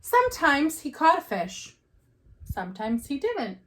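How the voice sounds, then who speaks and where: With a high-pitched voice, a woman teacher shares a picture book with a group of young children, reading slowly and deliberately with lots of expression.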